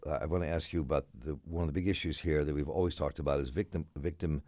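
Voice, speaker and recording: A man with a smooth radio host delivery, moderating a call-in interview from a studio and keeping the show moving briskly. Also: rumbling low, fairly even intonation, dark tone, no room sound. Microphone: studio mic.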